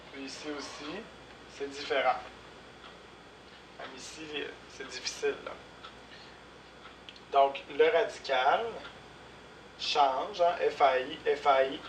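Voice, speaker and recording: Québécois guy teaching french real slow, repeats stuff, echoey room, mic kinda far. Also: mid-range voice. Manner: slow, deliberate, repeats words and spells them out. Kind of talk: slow classroom lesson. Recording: echoey room, voice from far off, clear background noise.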